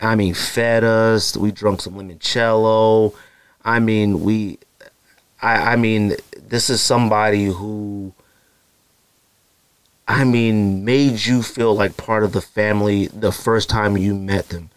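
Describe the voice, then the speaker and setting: Speaking slowly in a lowish, steady, smooth voice with no echo, a married man chats alone on his own podcast. The talk rambles casually, peppered with "you know," and his voice leaps up as he makes his points.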